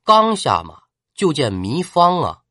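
Lively man telling a pingshu tale. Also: fairly high pitch, unhurried, no room sound, studio quality. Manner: lively, asides to the listener, erhua. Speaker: storyteller. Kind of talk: traditional pingshu storytelling.

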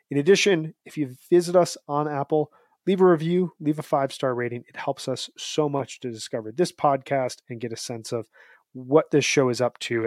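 A man's voice: medium pitch, darkish tone, no echo, studio quality. A man in his thirties co-hosting a podcast, chatting in an upbeat, rambling, jokey way. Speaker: podcast co-host. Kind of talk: casual podcast chat.

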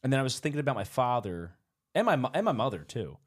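A man's voice: mid-range voice, big pitch swings, fast talker, husky. A man in his mid-thirties co-hosting a podcast, rambling through casual chat, laughing often and swearing loosely. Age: 30s. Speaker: podcast co-host.

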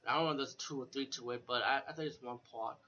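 Fast and sharp-toned, in a steady mid-range voice, a man hosts an off-the-cuff video review looking back at a horror film. He's informal and profane, repeats himself, and keeps adding "you know." The recording is dull and lo-fi, with a slight hiss or hum and an air conditioner fan going nearby.

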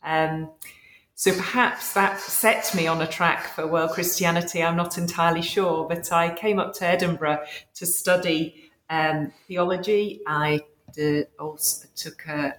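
Low-voiced woman, hesitant. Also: a bit bright, echoey room, a little hiss or hum, poor audio. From Yorkshire, northern England. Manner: hesitant, many fillers and restarts. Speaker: guest author, scholar. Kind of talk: podcast interview.

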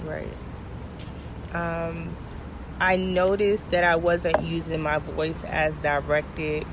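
A woman's voice: low-pitched, level tone, takes it slowly. A woman hosting a podcast in a casual, friendly, conversational way, speaking directly to her listeners. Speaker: podcast host. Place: outdoors on location, traffic behind. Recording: outdoor location with clear traffic noise.

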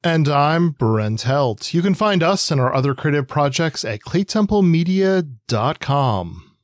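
A man co-hosting a podcast, talking casually and appreciatively in a rambling, halting way. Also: a little high, sing-song, dry recording, studio quality. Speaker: podcast co-host. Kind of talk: casual chat about comics.

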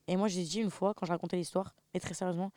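A woman's voice: lowish voice, fairly even intonation, rapid-fire, no echo, clean studio sound. A young woman, co-hosting a jokey casual chat. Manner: jokey, bursts into loud laughing exclaims. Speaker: co-host.

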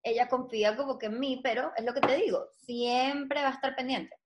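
A woman, chatting casually with friends and telling animated stories. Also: high voice, brisk. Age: 20s. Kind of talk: casual chat among friends.

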